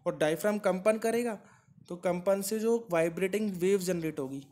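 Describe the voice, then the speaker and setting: A man's voice: high voice, normal speed, darkish tone. Man giving a step-by-step lecture. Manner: explains step by step, asks and answers own questions; frequent checks like "है ना" and "ठीक है". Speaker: teacher. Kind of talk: exam-prep lecture.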